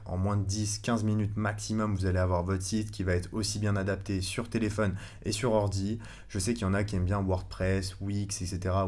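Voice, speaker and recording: A man giving a casual screen-recorded tutorial, chatty and relaxed, with many fillers and self-corrections. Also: lowish voice. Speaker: online course instructor.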